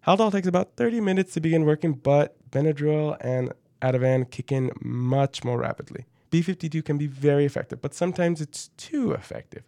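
Male podcast co-host, gravelly mid-range voice, close dry sound, scripted lesson with folksy presenter touches. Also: on the high side, a little mellow, dry recording. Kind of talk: scripted educational podcast narration.

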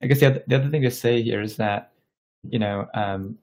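A man from Bangladesh, a tech company founder, appears as a podcast interview guest. His voice sits on the low side and is a little mellow, and he talks a bit quickly. He explains things in a casual, thoughtful way and often searches for his words.

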